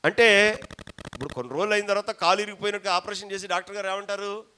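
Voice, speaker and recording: A male pastor from Pradesh, preaching a sermon to a congregation in church. He moves from shouted peaks to quiet asides and keeps calling for praise and hallelujah. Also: high voice, fast talker, slight background noise. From coastal Andhra Pradesh, India. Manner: repeated calls for praise and hallelujah. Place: church before a live congregation.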